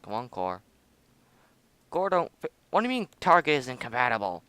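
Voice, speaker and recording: A man's voice: mid-range voice, sing-song, normal speed, bright, forceful tone, clear, resonant tone, no echo. A young man casually commenting on his own space game footage, rambling, humming and joking at himself. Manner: rambling, self-mocking, hums and mutters to himself. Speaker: gameplay video host.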